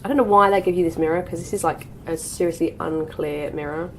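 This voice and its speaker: A fast-talking British woman in her twenties with a fairly low-pitched voice does a get-ready-with-me makeup chat as a beauty vlogger recovering from a cold, full of "like" and "um." The low-quality recording has a little hiss or hum.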